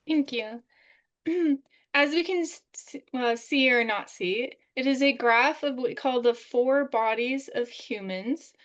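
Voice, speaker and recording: A woman guest on a spiritual podcast, explaining a diagram step by step in a calm, explanatory way. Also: sits high, slow pace, muffled recording. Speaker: guest channeler.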